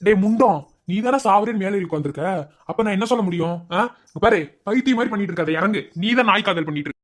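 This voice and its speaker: A sarcastic young male college friend in a cartoon, voiced by a woman. He talks fast, his pitch jumping about as he mocks and scolds his dramatic buddy. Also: animated, close to an everyday voice. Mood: scolding. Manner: mocking, scolding, quick. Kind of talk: cartoon voice acting.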